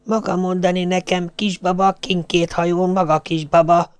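A man's voice: high-pitched, flat delivery, smooth, no echo, voice pushed up, lightly acted. A man doing a Swedish cook in broken speech. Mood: earnest. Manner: broken grammar, earnest and apologetic. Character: kindly Swedish ship's cook speaking broken Hungarian.

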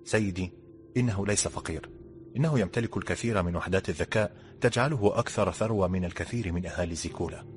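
A man voicing a calm, respectful male doctor in a storybook, speaking politely and measured. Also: low voice, faint music behind, close to an everyday voice.

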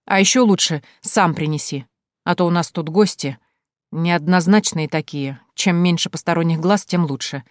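A woman voicing a gruff middle-aged man giving brisk orders in an audiobook. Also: on the low side, dry recording, clean studio sound, close to an everyday voice. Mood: dry. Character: gruff middle-aged male boss, host of house.

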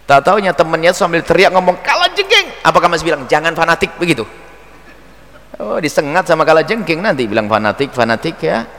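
A man's voice: a little high, quick pace. A man preaching a religious lecture, playfully acting out little dialogues for his audience. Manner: lively, acts out dialogue, playful asides. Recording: long reverb hall.

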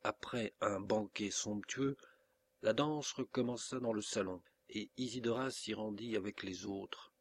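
A man with a French accent reading a classic novel aloud as an audiobook narrator, steady and measured. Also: fairly low pitch, a little hiss or hum.

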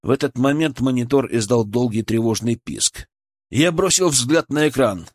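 A man's voice: mid-range voice, lively intonation, moderate pace, dry recording, clean studio sound. A man reading a fantasy audiobook aloud in tense first-person narration. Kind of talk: scripted narration.

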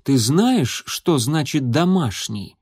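A man voicing a serious young warrior tomcat who mentors a kitten, speaking in a grave, measured way. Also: medium pitch, big pitch swings, darkish tone, breathy edge, dry recording, studio quality, exaggerated voice. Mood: earnest. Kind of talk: audiobook character voice.

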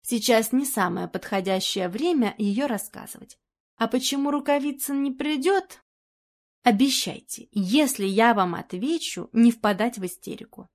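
A woman voicing a calm woman sleuth who talks quietly but firmly. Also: normal speed. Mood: hushed firm. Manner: quiet, firm, low-voiced.

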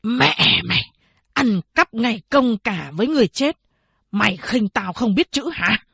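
Lady doing a bossy old town chief guy, barks and scolds, kinda husky, slow. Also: fairly high pitch, lively intonation, fairly bright tone, no room sound, heavily acted. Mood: scolding. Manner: gruff, scolding, barking. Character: bullying older male town chief.

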